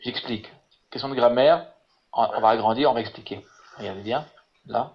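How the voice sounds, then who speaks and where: A man teaching Hebrew in an online lesson over a video call. He talks haltingly, repeating words and filling with "voilà". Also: medium pitch. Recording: muffled lo-fi web call audio.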